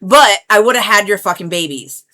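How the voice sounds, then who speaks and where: A woman's voice: mid-range voice, normal speed, bright, forceful tone. A woman, rambling through a brash, profane, casual vlog monologue. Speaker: vlogger.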